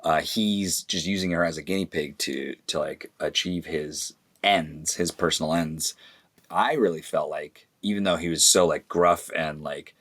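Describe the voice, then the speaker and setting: A man's voice: a bass voice, a little slow, fairly bright tone. A man discussing a film casually on a podcast, laid-back, with many murmured agreements. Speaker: podcast co-host.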